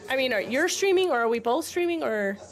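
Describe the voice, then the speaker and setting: A woman's voice: high-pitched, lively intonation, fairly quick. A woman co-streaming, chatting casually, teasing her partner and addressing her viewers. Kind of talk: casual livestream chat.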